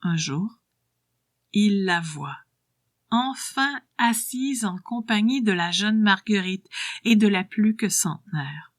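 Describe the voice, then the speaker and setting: A woman narrating a scripted story in a soft, hushed voice that slips into whispering. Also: medium pitch, expressive, slow pace, dry recording, studio quality.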